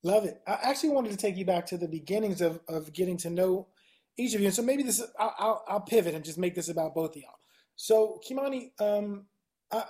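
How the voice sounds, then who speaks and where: A podcast host with a mellow, lowish voice chats casually with her guests in an interview. She often restarts her questions partway through.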